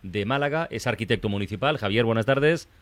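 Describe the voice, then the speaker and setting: A man's voice: fairly low pitch, fairly quick, no echo. A man hosting a radio show, chatting jovially with contest finalists. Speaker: radio host.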